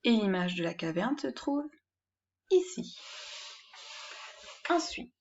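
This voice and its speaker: A woman teaching a reading lesson, sounding out syllables one at a time and giving clear instructions to young learners. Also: mid-range voice, big pitch swings, dull audio. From France. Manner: slow, syllable-by-syllable dictation.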